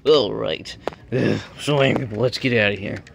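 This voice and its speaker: A man's voice: on the low side, normal speed, creaky, background noise. A man narrating and improvising a homemade video story in a casual, rambling way with lots of fillers.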